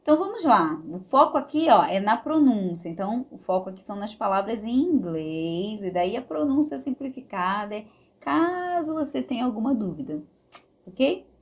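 A woman with a Brazilian accent teaching English pronunciation. She explains each point in Portuguese and then sings the lines of a song slowly. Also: on the high side, sing-song. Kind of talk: song-based pronunciation lesson.

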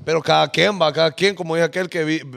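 A man's voice: on the high side, fairly even intonation, fast, creaky, a bit bright. A man co-hosting a podcast, chatting casually in slang and talking over the others. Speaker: podcast co-host. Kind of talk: casual chat.

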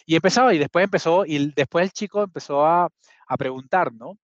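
A man in his thirties speaks as an interview guest, earnest and slightly high-voiced, often backing up to restart a phrase. The recording is dull and a little muffled, with a dry sound and no room echo. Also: brisk. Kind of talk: conversational storytelling.

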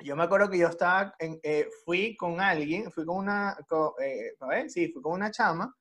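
A Venezuelan man hosting a casual chat, telling lively stories and laughing often. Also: high voice, normal speed. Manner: animated storyteller, laughs often.

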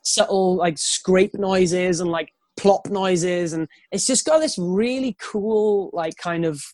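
High-voiced man talking over the phone. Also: slow pace, a little mellow, no echo. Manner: rambling, lots of "like" and "um" fillers. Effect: heard over a phone line. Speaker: radio show guest, band member. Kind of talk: casual chat.

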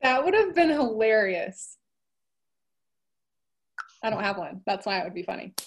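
A woman's voice: medium pitch, very animated, measured pace. A woman guest chatting easily over a video call from a room with bookshelves. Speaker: podcast guest. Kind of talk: casual chat about astrology.

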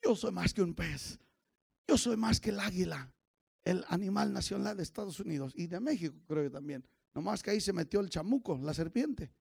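Fiery high-pitched pastor. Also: male voice, lively intonation, moderate pace, gravelly, husky, no echo. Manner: fiery preaching that swings from shouts to quiet asides; calls on the congregation to repeat after him. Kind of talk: Sunday sermon.

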